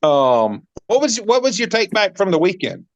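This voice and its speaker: A man hosting a podcast in a chatty, casual way, with lots of ums and repeated words, his voice jumping up when he gets excited. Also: high-pitched, moderate pace, no echo, dull audio. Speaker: podcast host. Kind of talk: casual interview chat.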